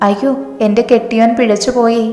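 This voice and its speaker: A woman's voice: fairly high pitch, steady tone, fairly quick, dark tone, close to an everyday voice. Melodramatic bickering young wife, read by a woman. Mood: comic. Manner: comic, melodramatic. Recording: roomy reverb, faint music.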